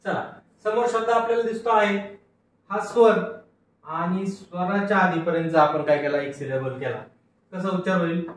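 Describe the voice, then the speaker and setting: High-voiced teacher in an echoing room. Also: male voice, normal speed. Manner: patient, asks questions and answers them himself. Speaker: English reading teacher. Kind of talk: phonics lesson with call-and-repeat drills. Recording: very echoey room, mic at a distance.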